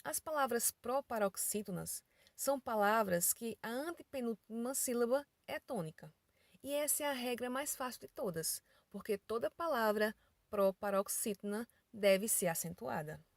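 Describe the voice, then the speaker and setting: A middle-aged woman teacher with a Brazilian accent delivers an online grammar lesson. Her voice carries a noticeable gravelly fry, and she explains each point slowly, spelling out letters one by one. The close recording is dry, with no room sound. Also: a little high, expressive, no echo. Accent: Brazilian Portuguese. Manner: slow, careful explanation, spelling out letters and examples.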